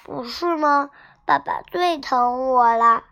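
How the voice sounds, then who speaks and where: Boastful baby dinosaur, child reader, high with a gravelly edge. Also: slow pace, bright, forceful tone, faint music behind, exaggerated voice. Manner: bragging.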